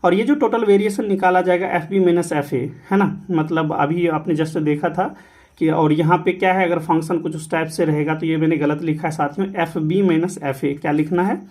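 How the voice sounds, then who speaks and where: A man's voice: on the high side, fairly even intonation, brisk, a little mellow. A man giving an exam-prep maths lecture, mixing Hindi and English, repeating key rules and asking and answering his own questions. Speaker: maths teacher.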